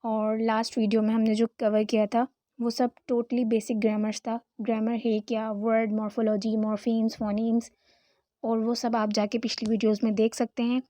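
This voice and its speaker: A young woman teaching an online English grammar lesson, explaining slowly and mixing in English terms. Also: on the high side, little pitch movement, mellow, no echo.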